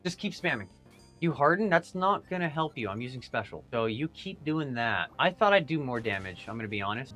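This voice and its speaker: A man hosting a video game playthrough, talking to the game as he plays, grumbling one moment and excited the next. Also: mid-range voice. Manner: animated, talks to the game, swings between grumbling and excited. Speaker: gaming channel host. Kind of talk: let's play commentary.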